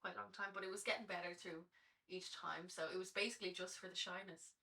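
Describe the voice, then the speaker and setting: A young Irish woman in her early twenties, a guest chatting casually about her life on a podcast in a lively, chatty way with lots of fillers. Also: lowish voice, fast, vocal fry, distant mic. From Ireland. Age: early 20s. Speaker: guest, Latin dancer.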